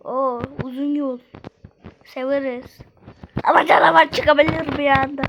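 Woman, high voice, gameplay commentary, shrieks when startled, teasing, noisy game audio behind. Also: measured pace. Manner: excitable, shrieks and yells when scared; talks to other players, teasing and pleading. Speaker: gamer playing online.

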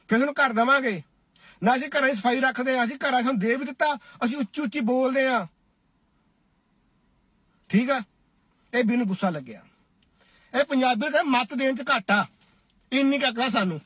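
An Indian man, a social media commentator based in Cyprus, speaks in a very high, slightly bright voice on a dry recording. His duet commentary is preachy and scolding, and he keeps asking listeners "right?"

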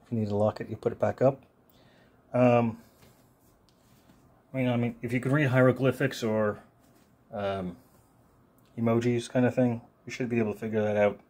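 A man's voice: mid-range voice, steady tone, moderate pace, long pauses, a little mellow. A man giving an unscripted, one-take knife review, talking casually with a lot of ums and uhs. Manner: casual, rambling, many fillers. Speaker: product reviewer.

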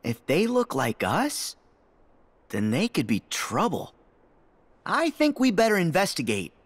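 An actor voicing an earnest, friendly teenage boy hero in an animated video game. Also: mid-range voice, measured pace, slightly rough, exaggerated voice. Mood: uneasy, wary.

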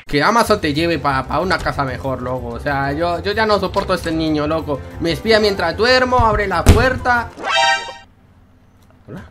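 With game music in the background, a young male YouTuber jokes his way through a horror game, acting scared and speaking in lots of slang. His voice is on the high side, his pace moderate, and his manner jittery.

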